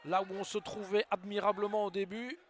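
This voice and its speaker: A man giving excited sports commentary on a football match, swinging between hushed build-up and loud exclamations. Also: high voice, a little fast.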